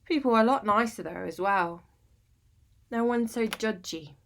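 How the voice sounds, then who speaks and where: A fairly high-pitched woman with vocal fry speaks at normal speed against slight background noise. With a British accent, she performs a conversational, confessional dramatic monologue as a lonely, sleep-deprived eccentric, wryly matter-of-fact about her bleak life, chatty, colloquial, self-deprecating and fond of tag questions.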